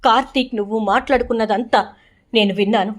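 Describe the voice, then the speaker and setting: A woman's voice: fairly high pitch, fairly even intonation, fast talker, natural voice. A woman playing a stern scolding mother. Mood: firm. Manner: scolding, cutting, emphatic. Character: stern middle-aged mother, reproachful and firm.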